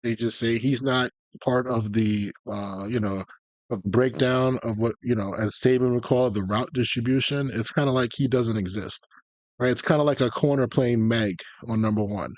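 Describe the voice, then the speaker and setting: Speaking at normal speed in a medium-pitched voice with no room sound, a man casually walks a live-stream audience through video game tactics. He keeps it conversational and informal, slipping into tangents along the way.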